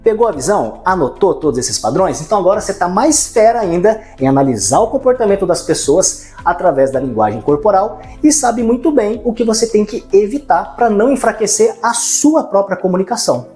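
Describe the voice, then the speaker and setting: A man's voice: high voice, sing-song, fairly quick, few pauses, warm tone, soft background music. A man teaching an online course lesson, colloquial and demonstrative, talking straight to the viewer. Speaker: course instructor.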